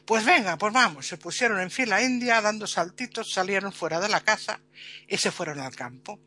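Woman storyteller, bright tone, lively with sound words, casual. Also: medium pitch, a little fast. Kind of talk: casual folk tale telling.

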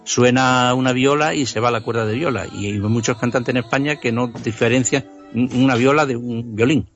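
A man's voice: medium pitch, brisk, soft background music. A man from Extremadura with a Spanish accent, explaining the history behind old songs in casual radio conversation, enthusiastic and explanatory. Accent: Spanish from Spain. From Extremadura, Spain. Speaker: music history contributor. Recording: dull lo-fi sound.

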